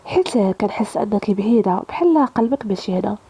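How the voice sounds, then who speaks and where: A woman voicing a wealthy young groom, calm, polite and suspicious, with a Moroccan accent. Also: medium pitch, a little fast, slightly rough, no room sound, low-quality recording.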